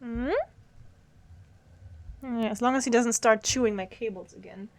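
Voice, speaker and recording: A woman's voice: a little high, measured pace, darkish tone. A woman streaming a video game, chatting casually with viewers, giggling often and talking to her cat. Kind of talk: casual live-stream chat while gaming.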